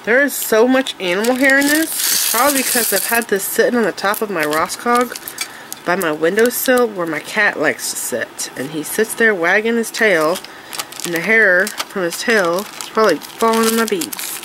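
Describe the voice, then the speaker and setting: A woman with a mid-range voice and a moderate pace, nasal and stuffed up from allergies, excitedly shows her craft supplies in a chatty show-and-tell, stumbling into fillers and restarts. She's indoors at a table, an overhead camera trained on her hands, and background noise is audible.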